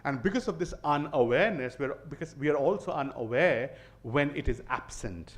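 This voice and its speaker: A man with an Indian English accent gives a seminar lecture to college students. His voice sits high for a man. He talks in an engaging way, puts questions to the room and often restarts his phrases. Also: animated, moderate pace. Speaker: seminar speaker.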